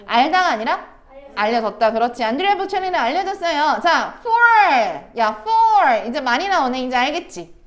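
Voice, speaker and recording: A high-voiced woman teaching a recorded English lesson, her pitch swinging up and down as she jokes with students at home. She chats, teases and laughs as she walks through each sentence. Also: very animated, normal speed. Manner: chatty, teasing, acts out little family scenes; laughs often while talking. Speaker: middle school English teacher.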